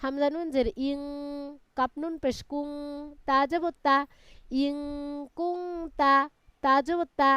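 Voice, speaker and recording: A woman's voice: high-pitched, fairly even intonation, slow pace, pauses often, fairly bright tone, dry recording, muffled recording. A woman teaching Quran reading in a live online class, chanting Arabic letters syllable by syllable and explaining recitation rules. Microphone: online class call.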